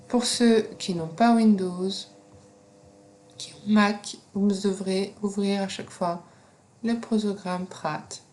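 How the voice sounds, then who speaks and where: A woman with a non-native French accent giving a screen-recorded software tutorial, explaining steps slowly with frequent fillers. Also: medium pitch, steady tone. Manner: slow, step-by-step instructions with frequent fillers. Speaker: teacher.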